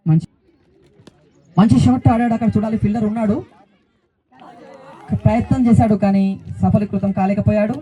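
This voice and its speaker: A man commentates live on a cricket match, ball by ball. His voice sits high for a man yet has a mellow, rounded tone. A light crowd and open-air noise sit behind him. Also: fairly even intonation, normal speed, long pauses, dull audio. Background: crowd and outdoor noise.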